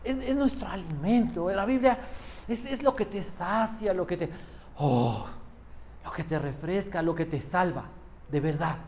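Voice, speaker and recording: Un hombre predica un sermón con énfasis, repite frases y le hace preguntas a la congregación. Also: male voice, high voice, expressive, unhurried, a little mellow. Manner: emphatic, repeats phrases, quizzes the congregation. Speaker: preacher. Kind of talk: sermon.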